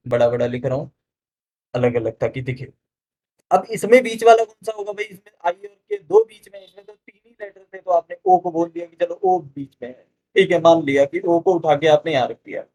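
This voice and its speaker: A male tutor with a slightly high-pitched voice walks through exam reasoning problems step by step. He talks in a friendly, chatty way, keeps checking that the viewer follows, and slows down when he reads each statement aloud. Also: a little mellow. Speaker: reasoning teacher for exam prep. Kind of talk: explaining solved exam questions.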